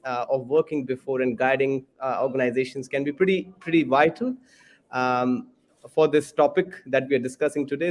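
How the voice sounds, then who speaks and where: A man's voice: mid-range voice, a little mellow. A man hosting a podcast interview, leading in with long, meandering introductions. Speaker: podcast host.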